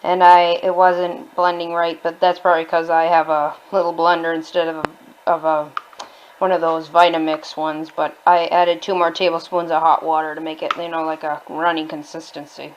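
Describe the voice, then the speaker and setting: A woman's voice: sits low, flat delivery, moderate pace, highs cut off, a little hiss or hum. A woman casually demonstrating a homemade recipe in her kitchen, talking in a chatty, rambling way with restarts. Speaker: home cook vlogger. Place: home kitchen.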